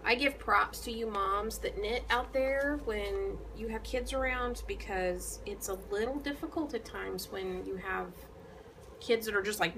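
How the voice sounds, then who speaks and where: With a mid-range voice that is gravelly, bright and forceful, a woman hosts a casual knitting vlog, rambling to camera with plenty of ums and false starts. The audio is poor, with a little hiss or hum.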